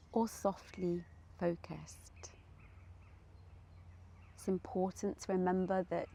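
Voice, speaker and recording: With long breaks between each short, deliberate phrase, a woman in a mid-range voice leads a gentle meditation in a soothing way.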